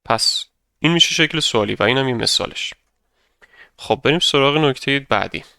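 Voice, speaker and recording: A young man teaching an English grammar lesson, explaining patiently step by step and saying example sentences slowly for students to repeat. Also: mid-range voice, expressive, creaky, sharp tone, smooth, dry recording. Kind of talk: grammar lesson narration over slides.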